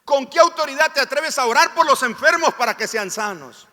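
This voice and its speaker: Nicaraguan male pastor, high bright voice, fervent sermon, long church-hall reverb. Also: expressive, brisk. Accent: Nicaraguan Spanish. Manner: fervent, rising to near shouts on key phrases. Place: church sanctuary.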